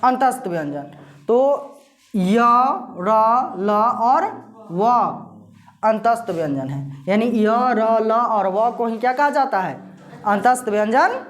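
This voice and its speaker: A woman teaches a grammar lesson at a very slow, deliberate pace. Her voice sits a little high, and she keeps asking questions and answering them herself. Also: expressive.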